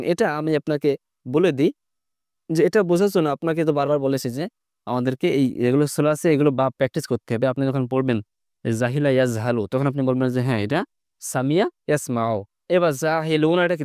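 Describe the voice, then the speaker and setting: A man's voice: medium pitch, darkish tone, clear, resonant tone, dry recording, studio quality. A man with a Bangladeshi Bengali accent teaching an online Arabic grammar lesson. He keeps asking questions and coaxes the students to answer.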